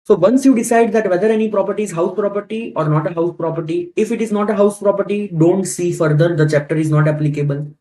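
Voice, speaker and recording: A man's voice: high-pitched, steady tone, quick pace, few pauses, mellow, low-quality recording. Indian-accented man teaching a class. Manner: didactic, repeats key points and asks rhetorical questions. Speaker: tax teacher. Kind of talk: classroom lecture.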